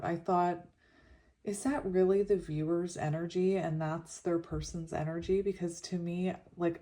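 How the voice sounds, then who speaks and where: A woman's voice: fairly low pitch, a little mellow. A woman with a slushy lisp from a retainer, giving a casual, meandering tarot reading in an informal, reflective way. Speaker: tarot reader.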